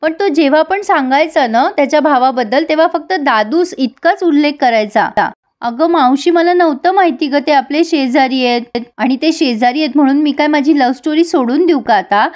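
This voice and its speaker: A woman's voice: high voice, normal speed, lightly acted. A woman voicing an earnest young woman who pleads for her love. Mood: pleading.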